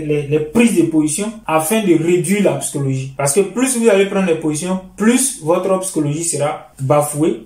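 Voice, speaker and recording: Male trading instructor, higher voice, explains patiently; echoey, mic far off. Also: darkish tone. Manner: explanatory, repeats phrases, addresses "chers amis". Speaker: trading teacher. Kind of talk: lecture over charts. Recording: roomy, distant mic.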